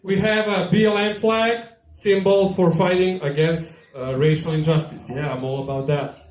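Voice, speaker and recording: A man with a Yugoslav accent works a live stand-up set in a small tavern, his voice sitting fairly high for a man. He delivers dry, deadpan one-liners into a handheld mic. The room around him is echoey and bouncy. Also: normal speed. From former Yugoslavia. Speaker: stand-up comedian.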